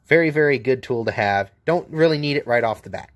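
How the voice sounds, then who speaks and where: A man's voice: mid-range voice, animated, fairly quick, dry recording. An American man, a welder, giving a casual hands-on demo of his tools, blunt and joking, filmed one-handed at an outdoor work table. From United States. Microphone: handheld camera mic, filming one-handed.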